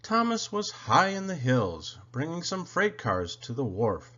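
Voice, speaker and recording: A man reads a children's picture book aloud a little slowly, his animated delivery swinging widely in pitch from phrase to phrase. The recording sounds somewhat dull and lo-fi.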